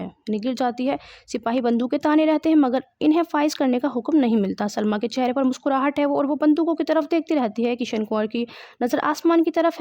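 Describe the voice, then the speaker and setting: A woman's voice: sits high, dark tone, dry recording, highs cut off. A woman teacher reading a play aloud in a lecture, reading the stage directions and explaining words.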